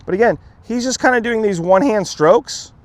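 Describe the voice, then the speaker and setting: Male putting coach, outdoors, relaxed and repetitive delivery, slightly high voice, dry close mic. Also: moderate pace, no room sound. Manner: relaxed, repeats "okay?" and "again", restarts words. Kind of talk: on-course instruction, demonstrating.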